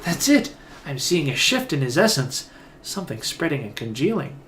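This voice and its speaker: A man voicing a fussy, eager woman scholar who speaks in brisk, clinical terms. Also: on the high side, very animated, a bit bright, slight background noise. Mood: excited. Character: eager, fussy female scholar studying souls.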